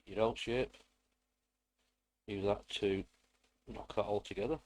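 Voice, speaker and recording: A man's voice: on the low side, steady tone, slow, a little mellow, no room sound. A British man giving a casual hands-on build tutorial in a rambling, self-deprecating way with playful asides. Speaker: hobbyist presenter.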